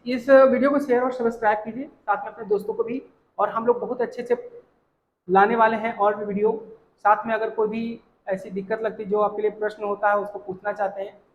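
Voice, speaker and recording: A teacher explaining a textbook lesson line by line, reading English lines slowly and checking understanding. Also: mid-range voice, muffled recording, a little hiss or hum. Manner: explains with everyday examples, filler "है ना". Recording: roomy echo.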